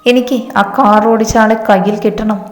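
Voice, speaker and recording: A woman's voice: mid-range voice, steady tone, moderate pace, natural voice. A woman voicing a spoiled, boastful rich girl. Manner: boastful, possessive. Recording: echoey room with soft music.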